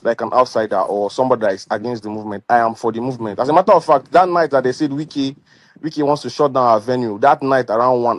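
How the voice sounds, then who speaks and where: A man speaking with a dental retainer, rambling and restarting as he talks in an online meeting. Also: mid-range voice. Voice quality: slightly muffled speech from a dental retainer. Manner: rambling, repeats words and restarts. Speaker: caller. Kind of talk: casual online meeting talk.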